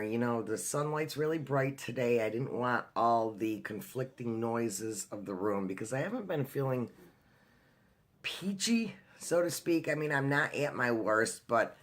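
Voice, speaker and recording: A man's voice: medium pitch, animated, moderate pace, a bit bright. A man talking in a casual video diary, telling a personal story in a chatty way with lots of fillers and restarts. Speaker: vlogger.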